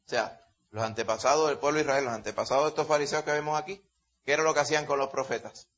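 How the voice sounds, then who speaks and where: A man's voice: medium pitch, steady tone, very fast, fairly bright tone. A man preaching a Bible-teaching sermon in a conversational way, often calling listeners brother. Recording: dull lo-fi sound.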